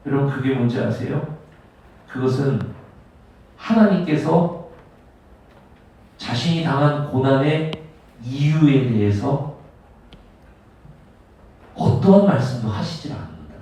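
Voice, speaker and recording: A male pastor preaching a sermon with emphatic, dramatic swings between loud and hushed delivery. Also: mid-range voice, expressive, slow, pauses often. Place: church sanctuary. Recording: echoey church hall, mic at a distance.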